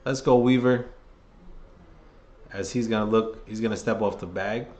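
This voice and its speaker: Man, hoarse, casual fan play-by-play host, rambling and opinionated. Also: fairly low pitch, fairly even intonation, moderate pace, a little mellow, dull audio. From New York. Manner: rambling, opinionated, restarts phrases often. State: hoarse, losing his voice.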